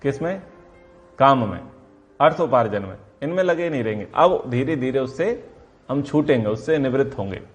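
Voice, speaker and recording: A man teaching a class on Vedic philosophy, asking questions and answering them himself, and stretching key terms slowly for emphasis. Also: medium pitch, animated, soft background music. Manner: asks and answers his own questions. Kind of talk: classroom lecture.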